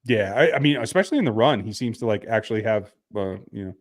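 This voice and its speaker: A man's voice: on the low side, lively intonation, fast. A man hosting a casual sports podcast over a remote call, reading listener texts and answering bluntly with frequent fillers and restarts.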